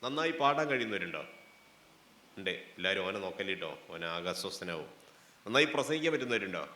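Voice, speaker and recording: A guest speaker with a Malabar Malayalam accent inaugurates a college fest in a hall full of students, joking and quizzing the audience in a playful, interactive speech. His voice is fairly low, bright and forceful. The roomy hall carries faint background noise.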